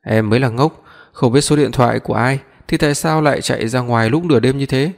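A man's voice: mid-range voice, quick pace, creaky, natural voice. A man doing a cocky, teasing young man. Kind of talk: audiobook reading. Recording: long reverb.

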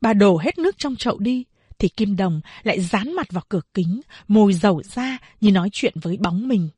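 A woman narrating an audiobook of a novel in a slow, steady storytelling voice. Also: medium pitch, breathy edge, no echo.

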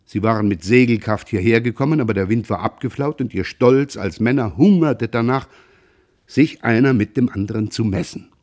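A man reading a classic novel aloud at a measured pace, in a voice of middle pitch for a man. His delivery is expressive, stressing the action as the scenes unfold. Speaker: reader. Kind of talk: literary reading.

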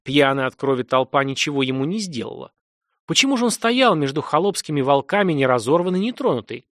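A man reading a dark fantasy audiobook in a dramatic, swelling narration. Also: a little high, sing-song, brisk, no echo, clean studio sound.

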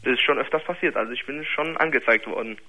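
A man's voice: medium pitch, quick pace, bright, forceful tone, poor audio. Hesitant nineteen-year-old male caller. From Germany. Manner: hesitant, struggles for words. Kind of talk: phone-in conversation.

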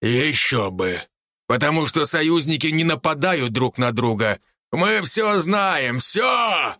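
A man's voice: mid-range voice, lively intonation, measured pace, pushed and bright, no room sound, studio quality. A man voicing a scarred veteran wolf-beast warlord who growls and taunts his enemies in an audiobook. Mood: mocking. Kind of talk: audiobook character voice.

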